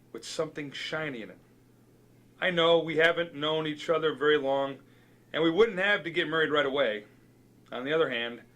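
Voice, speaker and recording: A man voicing an earnest, bright-voiced custodian. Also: a little high, lightly acted. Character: earnest adult male school custodian.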